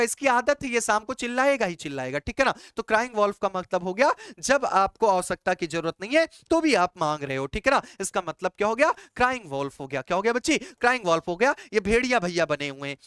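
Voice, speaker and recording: Chatty Indian male teacher, crisp dry voice. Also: sits high, fairly bright tone, no echo. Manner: repeats questions to students and answers them himself; chatty, calls listeners brother and child. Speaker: English exam teacher. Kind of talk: lively classroom explanation.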